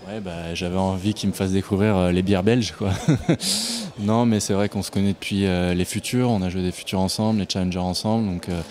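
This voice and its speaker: Low-voiced Parisian man, relaxed. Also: fairly quick. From Paris, France. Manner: relaxed, many hesitations and fillers. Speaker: tennis player. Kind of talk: post-match interview.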